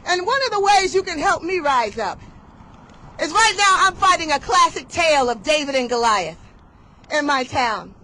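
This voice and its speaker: A woman rallies an outdoor crowd with a motivational speech, leading call-and-response in emphatic, rhythmic rhymes. Her high-pitched voice is bright, forceful and expressive at a moderate pace, though the recording is rough.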